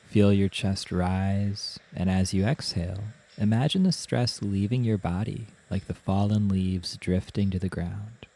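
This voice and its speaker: With a low voice, a male guide narrates a guided meditation, giving his instructions gently, soothingly, and without hurry.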